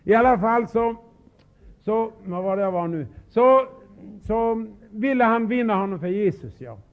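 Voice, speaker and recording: A man's voice: high-pitched, animated. Emotional older male revival preacher. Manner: emotional, swings from loud exclamations to hushed asides. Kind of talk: revival sermon. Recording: tinny narrow-band old recording.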